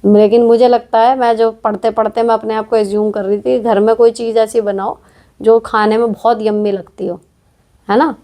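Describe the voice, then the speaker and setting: With a warm, medium-pitched voice, a woman runs an advice show and takes viewer questions. Her talk is casual, direct and frank, chatty and sprinkled with frequent tag questions.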